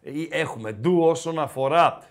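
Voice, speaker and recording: High-voiced man in jokey sports banter. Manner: joking, animated banter. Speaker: podcast host. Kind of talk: casual sports chat.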